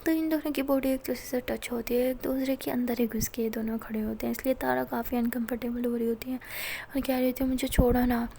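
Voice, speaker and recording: A woman's voice: a little high, fast talker, creaky, a little hiss or hum. A woman narrating a college love story in a casual, chatty storytelling manner. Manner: chatty, animated retelling.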